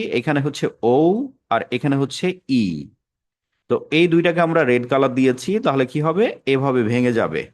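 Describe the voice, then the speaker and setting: A man teaching an English pronunciation class, explaining patiently and repeating example words slowly. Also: mid-range voice. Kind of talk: classroom lesson.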